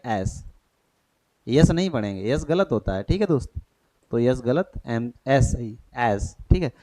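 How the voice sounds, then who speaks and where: Guy teaching english grammar, kinda high voice, keeps asking questions and checking in. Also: a little mellow. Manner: questioning, repeats checks like "thik hai". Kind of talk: exam-prep grammar lesson.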